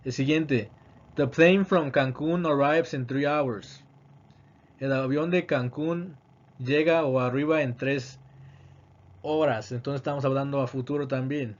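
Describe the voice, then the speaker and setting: A man teaching English grammar, reading example sentences slowly and then translating them. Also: mid-range voice, a little mellow, highs cut off. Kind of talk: grammar lesson explaining examples.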